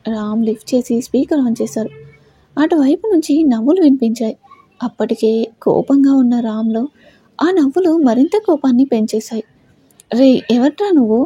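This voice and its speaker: A woman reads a serialized love story aloud in a steady narrating manner. Her voice is husky and very mellow, pitched slightly high, and the recording is dry and close. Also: normal speed, no room sound.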